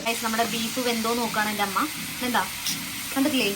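A woman's voice: a little high, steady tone, fast talker, noisy background. A young woman vlogging casually on a handheld phone, chatty as she talks to her viewers. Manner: chatty, addresses viewers as guys. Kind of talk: casual vlog chat. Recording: clear crowd chatter behind.

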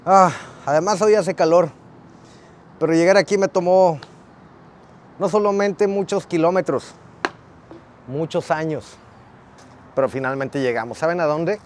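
Excitable high-voiced man vlogging. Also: measured pace, long pauses, a little hiss or hum. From Mexico. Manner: joking and excitable. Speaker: motorcycle vlogger. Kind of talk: casual vlog commentary.

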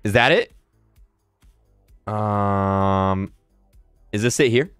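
A man in his twenties hosting a casual livestream, excitable and quick to laugh, repeating words as he reacts. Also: fairly low pitch, clear, resonant tone, dry recording, clean studio sound, faint music behind. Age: 20s. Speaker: livestream host.

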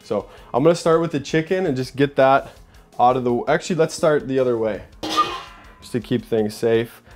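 A young man hosts a casual cooking demo in his home kitchen, narrating each step in a chatty, upbeat way and saying "boom" as he works. He talks at a normal speed over soft background music.

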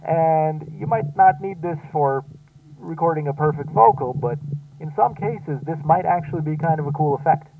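A man's voice: on the high side, moderate pace, creaky. A man casually demonstrating his build while talking into a paper cup wired as a homemade magnet microphone, so his voice comes out tinny and lo-fi. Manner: relaxed, explains as he tinkers. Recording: tinny phone-like cup mic, distant.

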